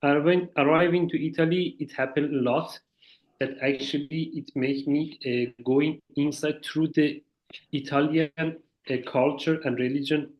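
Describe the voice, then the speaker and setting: The video-call audio is muffled as this Iranian man, a visiting artist with Farsi as his first language, talks informally. His fairly high voice holds a steady tone while he halts and gropes for words in his second language.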